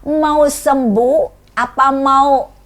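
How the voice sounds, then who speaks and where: High-voiced woman telling a lively testimony. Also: very slow. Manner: animated storyteller, laughs often, acts out quoted voices. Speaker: guest sharing testimony. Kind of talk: casual testimony chat.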